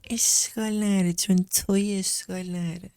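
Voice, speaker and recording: A man's voice: high-pitched, level tone, gravelly, a little mellow, clean tone. A young man from Iran putting on a young woman's voice to prank strangers in a video chat, teasing and cheeky.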